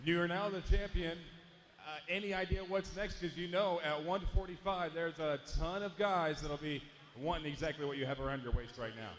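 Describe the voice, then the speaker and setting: A man announcing a fight result in the cage with a high, booming voice. He stretches out the names for effect, then switches to interview questions. The arena audio is noisy. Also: fairly even intonation, moderate pace, roomy sound.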